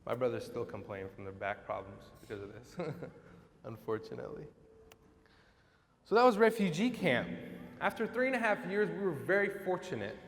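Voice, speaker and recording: A man's voice: medium pitch, very animated, normal speed, in a large hall, a little hiss or hum. A young man from Iraq giving an upbeat motivational talk to a school audience, coaxing them to respond. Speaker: guest speaker. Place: school assembly hall.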